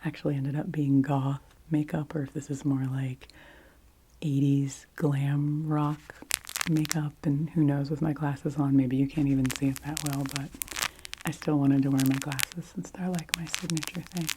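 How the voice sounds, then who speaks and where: A middle-aged woman with a notably low voice talks in a soft, unhurried whisper, drifting through easy chatty asides. She is close on a sensitive microphone. A steady hiss sits clearly under her voice. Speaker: ASMR creator. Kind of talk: whispered ASMR rambling.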